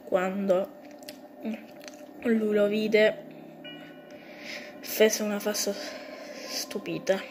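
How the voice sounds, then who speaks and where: A woman narrating a homemade creepy story in a plain, unhurried way with small slips. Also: mid-range voice, little pitch movement, noisy background. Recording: music bed under the voice. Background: music.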